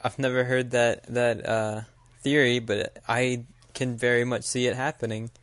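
A man's voice: medium pitch, level tone, moderate pace, a bit bright, dry recording. An American man co-hosting a podcast, talking casually and rambling with lots of "like" fillers. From United States. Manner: rambling, filler-heavy, frequent "like". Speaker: podcast co-host. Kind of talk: casual chat.

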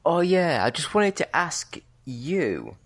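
A British man co-hosting a podcast, chatting in a relaxed way and often hedging what he says. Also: a little high, slow pace, breathy edge. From Britain. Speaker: podcast co-host. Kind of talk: casual chat.

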